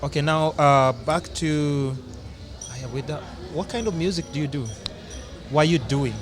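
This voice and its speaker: A man's voice: a little high, normal speed. A man hosting a casual podcast conversation. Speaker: podcast host. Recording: busy chatter and urban bustle behind.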